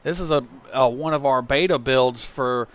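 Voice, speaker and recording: Male race commentator in a booth, chatty, excitable, clean resonant tone. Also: medium pitch, moderate pace, clear, resonant tone. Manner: chatty, laughs easily, excitable on crashes. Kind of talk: play-by-play commentary. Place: commentary booth at a fairground track.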